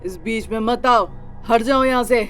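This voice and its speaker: An actor voicing a cruel, drunken husband who threatens slowly and menacingly in a cartoon story. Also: medium pitch, fairly bright tone, faint music behind, natural voice. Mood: threatening. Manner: slow, menacing.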